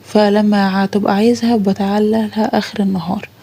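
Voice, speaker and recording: Brief: woman narrator quoting an indignant teen girl; quick, breathy, dark. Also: mid-range voice, little pitch movement. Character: sixteen-year-old girl, defiant.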